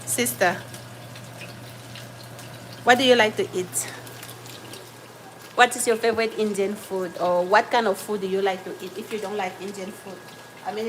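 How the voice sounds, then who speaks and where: A woman's voice: mid-range voice, a bit bright, a little hiss or hum, poor audio. A woman from Cameroon hosting a casual cooking livestream from her home kitchen, chatting with viewers and apologizing as she juggles tasks. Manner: chatty, greets viewers by name, apologetic while multitasking. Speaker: livestream host.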